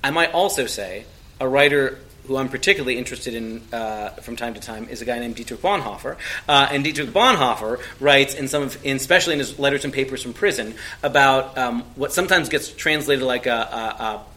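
A man's voice: medium pitch, fairly quick, sharp tone. A man in a conversational theological discussion, talking discursively and rephrasing as he goes. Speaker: podcast panelist.

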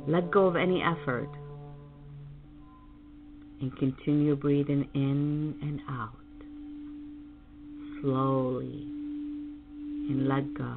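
A woman leading a guided meditation as host, in a calm, soothing, meditative tone. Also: extremely low pitch, slow, gravelly, long pauses. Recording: dull lo-fi audio under loud music. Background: loud meditation music with singing bowls.

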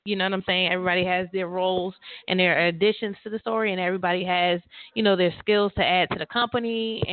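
On a tinny, dry phone call, a woman speaks quickly in a fairly low, steady voice. She is an author and publisher leading a writers' call, talking from her laptop with headphones. She chats casually with a writer, rambling, starting over, and addressing her as "girl."

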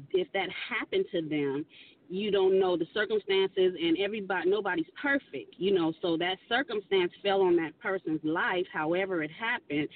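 Rambly earnest woman on radio, tinny phone-ish sound, faint rumble behind. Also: far from the mic. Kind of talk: radio talk show discussion.

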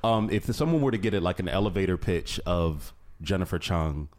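A man hosting an interview, talking excitedly and rambling with lots of fillers. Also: deep voice, a little fast. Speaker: podcast host. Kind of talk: casual interview.

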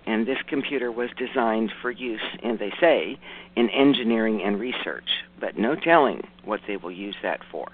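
Raspy, hoarse male radio host. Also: lowish voice, normal speed. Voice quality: raspy, rough voice. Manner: self-correcting, hesitant delivery with folksy asides. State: hoarse from hay fever. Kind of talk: informal news reporting with commentary. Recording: muffled, narrowband radio broadcast.

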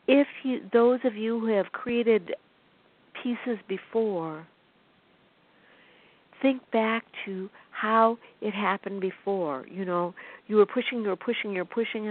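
A woman channeling spiritual guidance on her radio show, talking in a slow, soothing, repetitive way and often asking the listener if they see. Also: medium pitch. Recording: phone-like web radio line.

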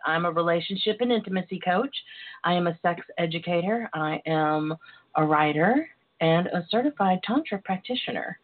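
Sassy woman host on tinny phone-line radio. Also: fairly low pitch. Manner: sassy, flirty, uses endearments. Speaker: talk show host, relationship and intimacy coach. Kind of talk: casual radio call-in chat.

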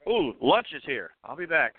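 A man hosting a casual live call-in show while roving outdoors at an event, talking with many fillers and restarts, coughing and clearing his throat now and then. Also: mid-range voice, big pitch swings, slow pace, heavy background noise. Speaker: host. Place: outdoors at a railway depot event. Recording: tinny phone line, dry.

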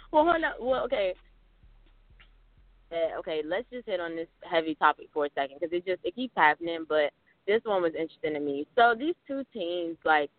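With a fairly high pitch, a man co-hosting a laid-back podcast chats in a rambling way, full of fillers. His audio is dry and tinny like a phone, with no room sound.

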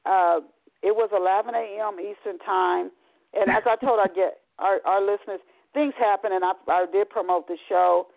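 A woman hosting a talk radio show speaks in a gravelly, fry-laden voice, chatting with frequent restarts and reading from a novel. She comes through a tinny phone line that sounds dry and close. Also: medium pitch, steady tone, moderate pace, dry recording.

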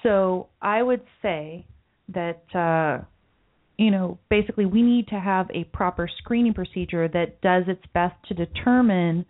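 A woman hosting a political talk podcast speaks a little slowly at a fairly low pitch. Though she calls her light voice mousy, she sounds earnest, repeating words as she thinks things through aloud, all captured in phone-like lo-fi audio.

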